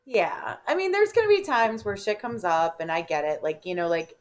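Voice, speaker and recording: Lively storytelling woman with a Chicago accent. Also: lowish voice, normal speed. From Illinois. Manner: animated, swears freely, laughs often. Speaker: podcast guest. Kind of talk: casual storytelling chat.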